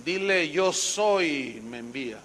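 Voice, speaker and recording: A calm, patient voice of God, as a preacher puts it on. He speaks low, soft and slow, dropping below his usual pitch. The tone is gentle and reassuring. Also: full character voice. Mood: solemn.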